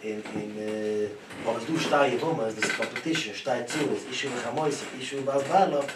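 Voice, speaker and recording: Animated man teaching in an echoey room. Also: mid-range voice, fairly quick. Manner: animated, rising and dropping sharply as he tells the stories. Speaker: Talmud teacher. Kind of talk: Talmud lesson. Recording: echoey room, voice from a distance, clear background noise.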